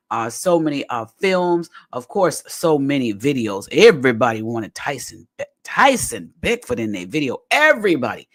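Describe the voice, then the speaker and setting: A podcast host giving casual commentary while reading aloud from a web page, chatty and folksy, often stumbling over the words. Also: mid-range voice.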